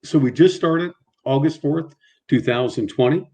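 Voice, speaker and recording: A middle-aged man with a rather high but dark-toned voice joins a casual video call as a guest. His mild stutter leaves his speech halting, with many repetitions and fresh starts.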